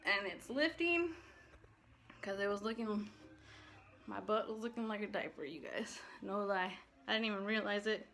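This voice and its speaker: Bright, breathless woman chatting through a workout. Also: medium pitch. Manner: rambling, informal, slangy. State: breathless from exercise. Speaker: fitness vlogger. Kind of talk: casual chatty workout vlog.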